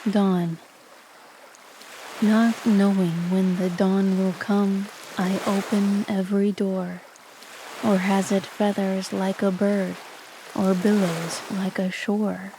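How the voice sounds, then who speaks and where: Soft, flat-toned woman reading poems slowly. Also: mid-range voice, noisy background. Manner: soft, calm and even. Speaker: sleep story narrator. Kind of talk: soft, slow poetry reading for sleep. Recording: voice over a loud ambient ocean bed. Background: ocean ambience.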